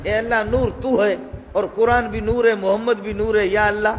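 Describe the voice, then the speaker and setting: High-voiced preacher man in echoing hall. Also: lo-fi sound. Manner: animated, repeats phrases for emphasis. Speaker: religious preacher. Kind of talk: sermon with humorous storytelling. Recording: reverberant hall with faint background noise.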